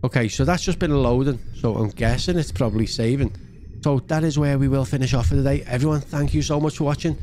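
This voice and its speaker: This man talks fast at medium pitch with few pauses and a warm tone, and a little hiss or hum sits under the audio. He's in his thirties or forties, hosting a gaming channel, casually chatting and thinking aloud through a let's-play near a close desk mic indoors.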